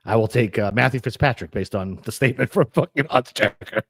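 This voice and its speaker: A man's voice: medium pitch, fairly quick, gravelly, fairly bright tone, slightly rough. A man co-hosting a podcast in casual chat, laid-back, cursing and laughing often. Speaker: podcast co-host.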